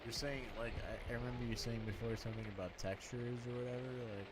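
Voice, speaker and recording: Man chatting insistently amid loud noise. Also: mid-range voice, fairly even intonation, fast. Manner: informal, repeats himself, insistent. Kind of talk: casual chat on a livestream. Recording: very noisy, loud vehicle-like background din. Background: loud ambient noise.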